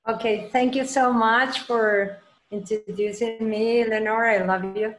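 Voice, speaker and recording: A middle-aged Peruvian woman, a trauma clinician, presents in an online roundtable from a room at home. Her voice is a little high and steady in tone, but she speaks haltingly with many restarts and fillers. Her laptop webcam picks her up in an echoey room on the video call.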